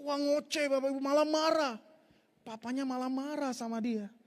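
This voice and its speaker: A man's voice: very high-pitched, level tone, normal speed. A man preaching a sermon, telling a story and often speaking straight to the congregation, getting them to answer back. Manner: leads the congregation in call-and-response. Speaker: pastor. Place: church hall. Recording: long hall reverb.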